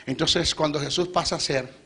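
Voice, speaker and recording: Male preacher, high bright voice, swings from hushed to shouting. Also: moderate pace, husky. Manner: shouting and playful, acts out devil and God dialogue. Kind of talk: sermon.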